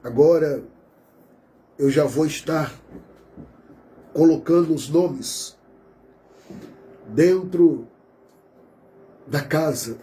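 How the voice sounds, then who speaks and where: A man's voice: fairly high pitch, drawn-out words, pauses often, warm tone, poor audio. A man with a Brazilian Portuguese accent, a pastor leading a long fervent spoken prayer, repeating invocations as he declares and prophesies.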